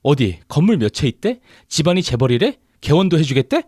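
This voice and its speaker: A man's voice: big pitch swings, fairly quick, no echo, studio quality. A man voicing a furious betrayed wife who hurls accusations in a radio drama. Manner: shouting, high-pitched outbursts.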